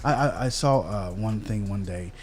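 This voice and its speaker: A man's voice: lowish voice, moderate pace. A young man from Kansas, a podcast guest, telling stories casually and checking in with "okay?" and "right?". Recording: faint background noise.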